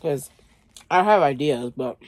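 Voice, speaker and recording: She has a deep, darkish voice and talks in an animated yet unhurried way, free of echo. A woman in her thirties, she's chatting with viewers from a small bedroom while eating for a mukbang, habitually saying "like."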